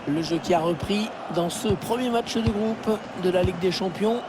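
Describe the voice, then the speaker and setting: A man giving excited play-by-play football commentary for a video game, breaking into shouted calls at big moments. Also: sits high, normal speed, noisy background. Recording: loud stadium ambience behind voice.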